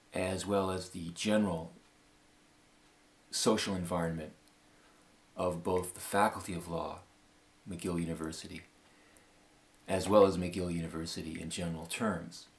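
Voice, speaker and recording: A Canadian man in his fifties giving a formal, measured appeal statement with many pauses and fillers. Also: sits low. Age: 50s. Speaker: law school applicant.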